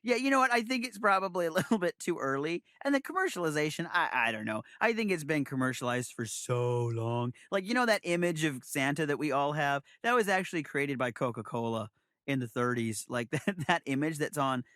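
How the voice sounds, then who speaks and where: A man's voice: fairly high pitch, lively intonation, fairly quick, fairly bright tone, dry recording, clean studio sound. A man co-hosting a casual chat show, rambling with frequent restarts and chuckles. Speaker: co-host.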